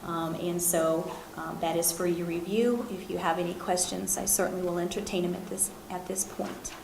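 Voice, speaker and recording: Chairing a board meeting, a woman gives formal remarks haltingly, with frequent ums and uhs. Her fairly low voice is level in tone with vocal fry, in a reverberant space with background noise.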